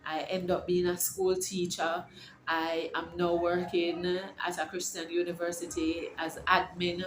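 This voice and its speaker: A middle-aged woman from Jamaica talks at home in a relaxed, faith-centered vlog, offering encouragement with a preachy streak and rambling with frequent restarts. Her fairly low voice holds a level tone and moves a little slowly, while the echoey room adds faint ambience and background noise.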